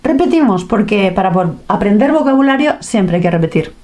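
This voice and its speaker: A woman's voice: mid-range voice, lively intonation, fairly quick, a little mellow. A woman teaching a language lesson in a playful way, acting out sounds and little reactions.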